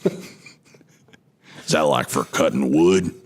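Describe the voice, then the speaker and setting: A gruff Old West outlaw drawls slowly and folksily, put on by a man. The voice sits far down, deep and rumbling. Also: exaggerated voice.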